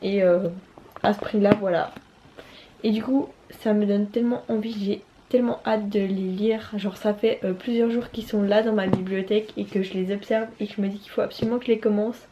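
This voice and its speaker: A woman's voice: mid-range voice, steady tone, brisk, highs cut off, background noise. A young woman and student chatting casually about books for her vlog, with many fillers and restarts. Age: young adult. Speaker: book vlogger. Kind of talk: casual chat.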